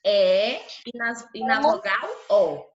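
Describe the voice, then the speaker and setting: A woman's voice: mid-range voice, slow. A Brazilian woman teacher giving an online class to young children, patiently sounding out syllables and checking in often. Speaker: primary school teacher. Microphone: video call. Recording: roomy, dull lo-fi call audio.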